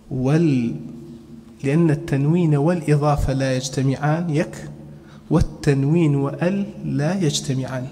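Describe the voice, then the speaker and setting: A man teaching a grammar lesson step by step, asking questions and then answering them, and slowing down to spell out each example. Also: on the high side, warm tone. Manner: explains step by step, asks and answers his own questions, spells out examples slowly. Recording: long reverb, faint background hum.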